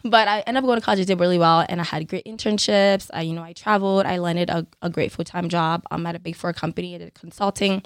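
A young woman from Cameroon, a podcast guest telling her life story in a lively way, laughing often and checking in with "right?". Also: on the low side, quick pace, hardly any pauses, smooth, no echo, studio quality. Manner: animated, laughs often, tag questions. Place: podcast studio.

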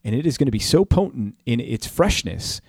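A man's voice: medium pitch, big pitch swings, a little fast, darkish tone, husky, no echo, clean studio sound. A man co-hosting a casual, conversational Bible discussion in a playful, bantering manner. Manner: playful, bantering, breaks into snatches of song. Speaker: podcast co-host teaching the Bible.

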